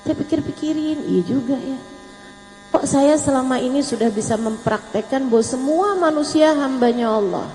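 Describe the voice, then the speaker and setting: A woman's voice: high voice, moderate pace, darkish tone. A woman preacher giving a sermon, telling stories in a casual, humorous, colloquial way. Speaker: preacher (ustazah). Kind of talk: sermon to a religious gathering. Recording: long hall reverb with faint mains hum.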